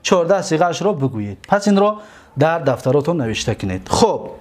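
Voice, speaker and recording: A man with a fairly high voice teaches a class. He recites drill lists in a chanting rhythm, repeats key points and puts questions to the class. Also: big pitch swings, darkish tone. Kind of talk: lecture on Arabic verb forms.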